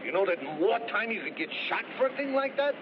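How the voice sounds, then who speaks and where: Bossy partner, sharp and scolding; lively pitch swings, dull vintage track. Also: male voice, fast talker. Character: bossy male partner scolding a sleepy lookout. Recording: dull old film soundtrack with loud street noise.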